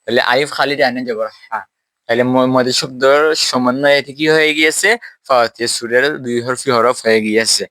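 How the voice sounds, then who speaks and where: A man teaching a tajweed class, explaining step by step and quizzing his students, with slow drawn-out letters. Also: mid-range voice, steady tone, pushed and bright, no room sound. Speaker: Quran recitation teacher.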